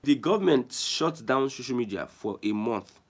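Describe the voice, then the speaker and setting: A man's voice: medium pitch, animated, moderate pace. A Nigerian man hosting an online show, giving emphatic, repetitive political commentary and reading viewer comments. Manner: emphatic, repeats phrases, restarts often.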